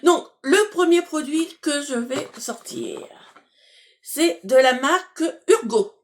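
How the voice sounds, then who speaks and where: Slow-paced and high-voiced, with big swings in pitch, a woman unboxes beauty products while chatting to her viewers as a vlogger. She hesitates, restarts, leans on fillers, and laughs at herself.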